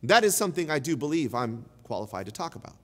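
A man in his thirties gives a sermon in a large church auditorium, his voice sitting high for a man. He talks loosely and conversationally, padding his stories with fillers. A long reverb trails his words through the hall. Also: sing-song, fast, a bit bright. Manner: conversational storytelling, many "like" fillers. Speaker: pastor.

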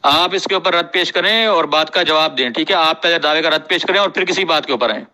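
A man delivers a recorded debate reply, pressing the same challenge again and again. His voice is fairly high and strikingly bright and cutting. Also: low-quality recording. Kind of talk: recorded religious debate message.

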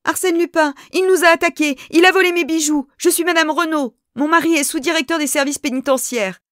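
Shrill, excited lady passenger, put on by a woman reader, high and insistent, in a dry close recording. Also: fairly quick, no room sound. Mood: agitated.

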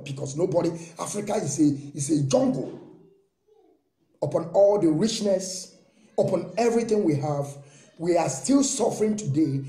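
A Nigerian man in his thirties delivers an impassioned monologue, piling up rhetorical questions and repeating his points. His voice sits high but sounds very dark and mellow. The webcam recording carries a roomy echo from the small room. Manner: fervent and rousing, with lots of repetition and rhetorical questions. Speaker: political commentator.

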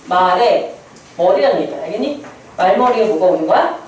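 A woman's voice: medium pitch, animated, fairly quick, darkish tone. Chatty woman teacher, very echoey classroom. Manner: chatty, asks the class questions and answers them herself. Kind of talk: classroom lecture. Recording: very echoey classroom, distant mic, faint room noise.

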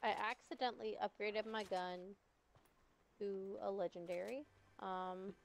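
A woman's voice: mid-range voice, steady tone, measured pace, vocal fry. Chatty woman gamer, noisy mic. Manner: chatty, narrates her own moves. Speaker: friend playing along in the game. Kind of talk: casual gameplay chat. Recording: home mic with noticeable background noise.

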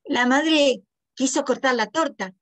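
A woman with a Rioplatense Argentine accent telling a story aloud, very expressive, with big swings in pitch for emphasis. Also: measured pace. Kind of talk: oral storytelling.

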